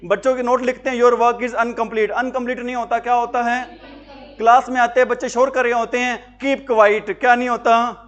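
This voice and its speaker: A high-voiced man lectures a class on grammar. He fires questions at his pupils, then answers them himself, repeating key words with emphasis. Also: a bit bright. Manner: repetitive, emphatic teaching. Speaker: English teacher for job exams.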